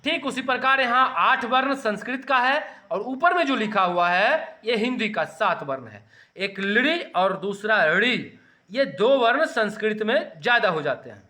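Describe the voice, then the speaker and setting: A man teaching a grammar lesson, slowly sounding out letters and urging students to practise saying them. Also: high voice, expressive, bright, forceful tone. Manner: slow, deliberate, sounding out letters for students to repeat.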